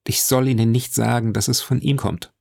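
A man reading an audiobook, voicing a calm, commanding aristocratic count in a low, measured voice. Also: gravelly, no echo, studio quality, lightly acted.

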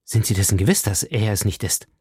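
A man voicing a cold, cunning noblewoman in an audiobook, speaking low and measured with a probing edge. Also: lively intonation, a little mellow, breathy edge, dry recording, clean studio sound. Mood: guarded. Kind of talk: audiobook reading.

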